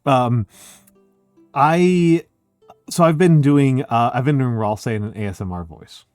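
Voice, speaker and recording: A man chatting casually as a streamer, excitable and rambling, leaning on filler words like "like". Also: medium pitch, measured pace, no echo, soft background music. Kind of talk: casual chat.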